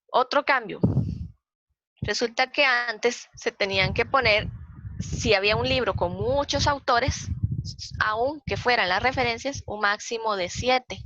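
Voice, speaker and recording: A patient librarian with a Costa Rican accent runs a citation workshop, explaining slides in a training session, repeating her points and counting aloud slowly. Her voice is medium-pitched, bright and forceful. The recording sounds dull, dry and lo-fi.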